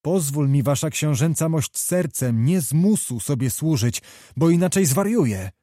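A man's voice: a little high, animated, normal speed, dark tone, no echo, studio quality, natural voice. Man doing a fiery young nobleman. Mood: fervent pleading. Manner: fervent, pleading, explosive. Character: hot-tempered young male nobleman, impetuous.

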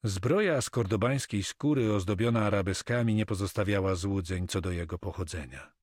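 Husky-voiced man narrating an audiobook. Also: on the low side, a little fast, a little mellow, no echo, clean studio sound. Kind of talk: scripted narration.

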